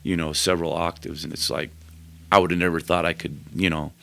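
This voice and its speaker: A man's voice: sits low, fairly quick, vocal fry. A man talking about his music as a podcast guest, loose and rambling with many fillers. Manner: relaxed, rambling, full of fillers. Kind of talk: casual interview chat.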